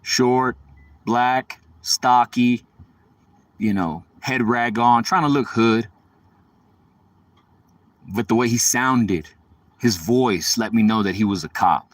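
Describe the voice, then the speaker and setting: A man rambles through his stories on a livestream, full of swearing and street slang. His voice sits at an ordinary middle pitch. He sounds set back from the microphone, with a little distance in the sound. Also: slow, pauses often, no echo. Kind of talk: casual storytelling.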